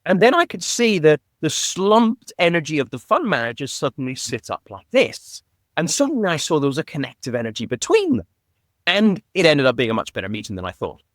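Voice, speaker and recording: A man who is a podcast guest, telling a story in an animated, heartfelt way. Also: medium pitch, no echo, studio quality. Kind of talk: conversational interview.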